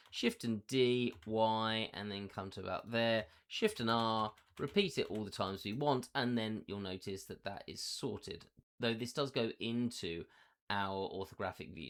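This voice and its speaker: A man hosting a software tutorial who talks through each step as he does it, recorded in a small box room that makes his voice a bit echoey. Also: mid-range voice. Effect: slightly echoey sound from recording inside a small box room.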